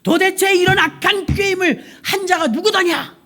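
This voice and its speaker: A woman's voice: very high-pitched, normal speed, bright, forceful tone, pitched above the performer's own voice. A woman preacher voicing an enraged ancient king who bellows royal orders. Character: furious ancient male king, commanding.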